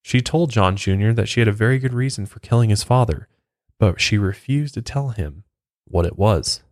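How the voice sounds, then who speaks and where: Guy with a lowish voice telling a ghost story, chatty asides, super dry close mic. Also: moderate pace, no echo. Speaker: storyteller host. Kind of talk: casual spoken storytelling.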